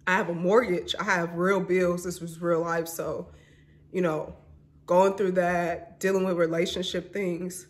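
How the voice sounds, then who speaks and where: A woman's voice: fairly low pitch, level tone, measured pace. Candid young woman vlogging her story. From Mississippi. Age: 20s. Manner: candid and emotional, says y'all and honey. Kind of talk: personal storytelling vlog.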